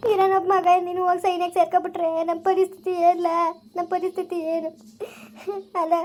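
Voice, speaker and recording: Woman playing a tearful pleading village mother. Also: very high voice. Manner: pleading, scolding. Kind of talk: village family drama acting.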